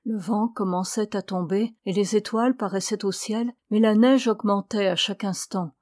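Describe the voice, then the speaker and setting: A woman reading a novel aloud as an audiobook, in a measured, even delivery. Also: mid-range voice, dry recording, clean studio sound. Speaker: audiobook reader.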